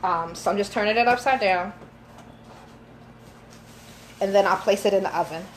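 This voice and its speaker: A woman's voice: medium pitch, moderate pace, a little hiss or hum. A woman chef giving a live cooking demonstration in a kitchen, chatty and instructive, joking with her helpers, recorded on a phone camera. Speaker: chef and caterer. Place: home kitchen, indoors.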